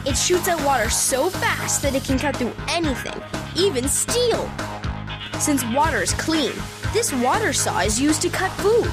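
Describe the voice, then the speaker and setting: A woman narrates an educational script in a high voice with lots of melodic movement. Her sentences are short and simple, spoken straight to the listener. A loud music bed accompanies her. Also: sing-song, a little slow.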